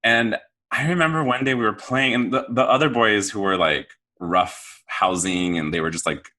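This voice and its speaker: Deep, bright-toned storytelling man. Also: normal speed. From Southern California. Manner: self-deprecating, rambling storyteller. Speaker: podcast co-speaker. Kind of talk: casual storytelling on a podcast.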